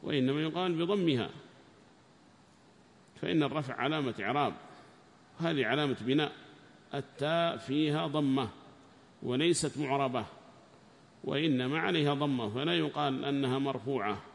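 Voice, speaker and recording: A male scholar teaching a tafsir lesson, reading passages aloud in a raised voice and then explaining them quietly. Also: medium pitch, moderate pace, vocal fry, long pauses, in a large hall. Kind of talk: classroom lesson commentary.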